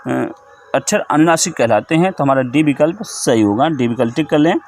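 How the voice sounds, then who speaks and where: A man teaching a grammar quiz lesson, reading each question and its options, then repeating the answer and the rule in a slow, methodical way. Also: medium pitch, darkish tone, a little hiss or hum.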